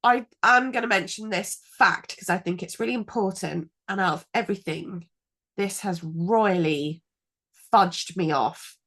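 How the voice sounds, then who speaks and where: A woman in her thirties co-hosting a podcast in casual chat, animated and quick to swear when indignant. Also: medium pitch. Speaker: podcast co-host.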